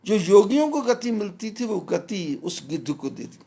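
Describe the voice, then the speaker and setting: High, gravelly-voiced man preaching slowly. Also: big pitch swings, dark tone. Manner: measured, emphatic preaching with recited verses. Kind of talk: devotional discourse.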